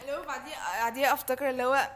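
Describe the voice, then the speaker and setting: Young Egyptian-accented woman, quick casual talker with a slightly high pitch. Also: fairly even intonation, a bit bright. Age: young adult. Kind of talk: casual animated group chat.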